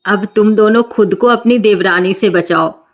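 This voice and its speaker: A woman's voice: mid-range voice, a little slow, close to an everyday voice. A woman voicing a strict middle-aged mother-in-law who scolds and gives orders in a commanding way in a cartoon story. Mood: scolding.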